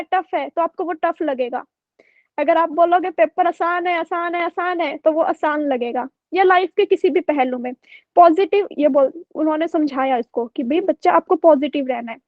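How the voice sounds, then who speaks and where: High-voiced woman teacher telling a story. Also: normal speed, no room sound, phone-quality sound. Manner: chatty, keeps checking with "okay?". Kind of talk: storytelling in an online class.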